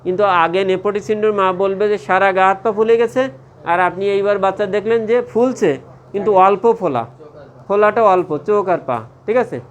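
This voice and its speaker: A man's voice: high-pitched, fast talker. A man giving a medical lecture to a class. He asks questions and answers them himself, and keeps checking that the class follows.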